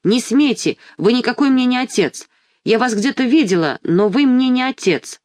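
A frightened, stubborn young girl, as the reader puts her on, pitched well above the reader's own voice. She pleads and refuses in a shrill, insistent way. The recording is dry and close. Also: very animated, normal speed, dry recording, lightly acted.

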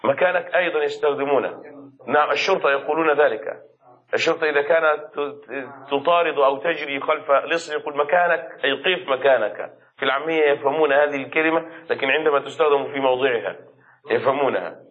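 A man teaches a class in a fairly high-set voice. He explains slowly, repeats key terms and checks with the students as he goes. The recording is dull and lo-fi. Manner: asks students questions as he goes. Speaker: Arabic grammar teacher. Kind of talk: classroom lesson.

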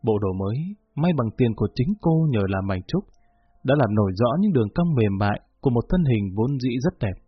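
A man reading a novel aloud as an audiobook narrator, in measured, steady storytelling. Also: mid-range voice, breathy edge, no echo. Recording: muffled lo-fi with faint music.

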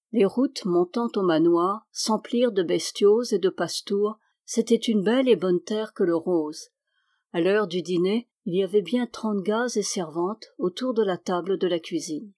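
Woman audiobook reader, measured and expressive, dry close mic. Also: medium pitch, no echo. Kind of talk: reading a historical novel aloud.

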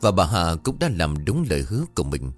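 A man narrating a scripted spoken story in a steady, measured way. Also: sits low, faint music behind.

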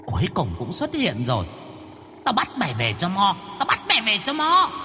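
A man voicing a shrill, vicious demon boy spirit in a spoken horror story, chanting in a high singsong. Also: huge pitch swings, moderate pace, long reverb tail, background noise. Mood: menacing. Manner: chanting, menacing.

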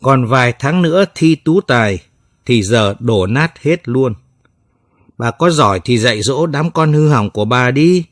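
A man voicing a furious middle-aged father, shouting bitter accusations at his wife. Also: mid-range voice, lively intonation, measured pace, dry recording, studio quality, lightly acted.

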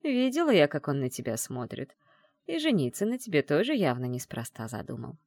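A caring, shrewd middle-aged witch mother, as a woman reads her speaks gently and teasingly. The voice sits low but moves lively up and down. The audiobook sound is dry and close. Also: fairly quick, dry recording, exaggerated voice. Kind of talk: audiobook character voice.

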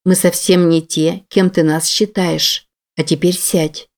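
Woman reader voicing a commanding young woman, audiobook, calm, firm, measured, low voice. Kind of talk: audiobook character voice.

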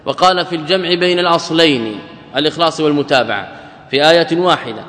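A man lecturing on a religious text, his voice a little high for a man, carried on a long hall reverb. He quotes a passage, then glosses it step by step, asking and answering his own questions as he teaches. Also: quick pace, a bit bright. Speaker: Islamic scholar teaching a text. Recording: echoey hall recording.

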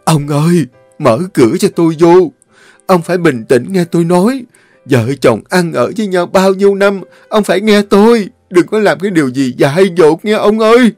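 A man's voice: high-pitched, lively intonation, normal speed, darkish tone, dry recording, soft background music, voice pushed up. A man voicing a frightened middle-aged wife, pleading tearfully with her husband.

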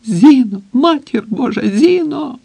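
A frantic, grey-haired old man wails and shrieks in a sharply raised, piercing voice, put on by a male audiobook narrator. His cries break high and loud, desperate and grief-stricken, in a dry, close recording. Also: expressive, slow pace, gravelly, husky, dry recording, heavily acted. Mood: hysterical.

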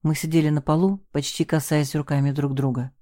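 A woman reading a first-person story aloud as an audiobook narrator, raising her voice for the shouted lines. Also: sits low, steady tone, a little fast, dry recording, clean studio sound.

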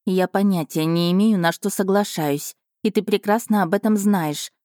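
A woman's voice: mid-range voice, darkish tone, no echo, studio quality, voice pushed up, lightly acted. Woman voicing a sarcastic young heroine. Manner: sarcastic, sulky, quick retorts. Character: sharp-tongued young heroine, stubborn and sarcastic.

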